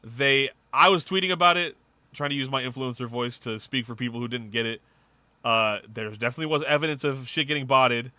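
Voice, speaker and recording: A man co-hosting a podcast, rattling off game news in casual, swearing slang with excitement. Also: medium pitch, a little fast, no room sound. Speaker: podcast co-host. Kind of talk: casual chat.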